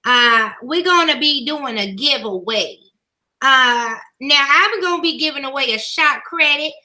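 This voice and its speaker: A woman's voice: sits high, animated, unhurried, pushed and bright, heavily acted. Woman putting on a folksy church mother. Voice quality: drawling, calls everyone baby. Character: folksy older church mother reading announcements. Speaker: host. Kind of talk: live stream chat.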